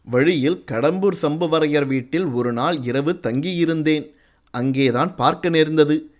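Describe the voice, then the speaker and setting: A man's voice: fairly high pitch, a little slow, close to an everyday voice. A man voicing a polite, humble young warrior delivering a message, answering modestly and respectfully in an audiobook story.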